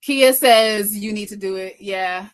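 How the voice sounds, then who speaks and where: Reading viewers' comments aloud on her casual livestream, this content creator chats in a smooth, medium-pitched voice. She speaks quickly, stumbles, and often repeats what she's just said.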